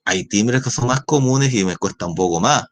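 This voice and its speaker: A man's voice: medium pitch, expressive, moderate pace, a little hiss or hum. A man with a Chilean accent, a science teacher explaining a lesson and often checking in with tag questions. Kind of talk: recorded class lecture.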